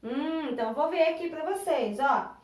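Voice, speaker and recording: A woman's voice: high-pitched, expressive, moderate pace, darkish tone. A Brazilian woman teaching a grammar lesson in a classroom, patiently breaking words into syllables and repeating them. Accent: Brazilian Portuguese. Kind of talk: recorded online classroom lesson. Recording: echoey room, voice from a distance.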